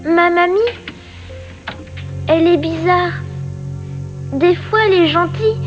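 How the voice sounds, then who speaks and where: A woman's voice: extremely high pitch, lo-fi sound, soft background music. Little boy whispering on the phone. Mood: hushed, confiding. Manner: keeping voice down, childlike, halting. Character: confiding little boy, young grandson. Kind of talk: hushed, whispering phone call.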